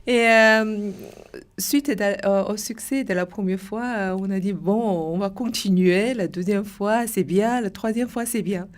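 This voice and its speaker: A woman's voice: mid-range voice, unhurried. Hesitant woman from China, searching for words. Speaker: club co-founder guest. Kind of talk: interview.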